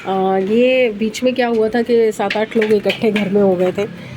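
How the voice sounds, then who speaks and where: A woman talks her viewers through renovation work in her home. She keeps her voice low and chatty, with the camera held close to her. The room behind her is noisy. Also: fairly even intonation, a little slow. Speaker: home vlogger. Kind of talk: casual home renovation vlog. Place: home under renovation, indoors. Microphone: handheld camera held close.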